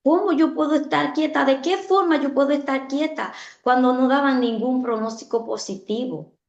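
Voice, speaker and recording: A woman's voice: high voice, moderate pace. Earnest woman in an echoey room. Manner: earnest, repeats phrases for emphasis. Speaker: guest giving a testimony. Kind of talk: emotional personal testimony. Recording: echoey, dull-sounding room.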